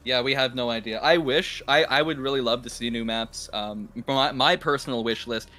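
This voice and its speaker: A man's voice: mid-range voice, normal speed, pushed and bright. A man from Canada casting a live game stream, explaining at length and laughing often. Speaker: esports caster. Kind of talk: casual live-stream commentary.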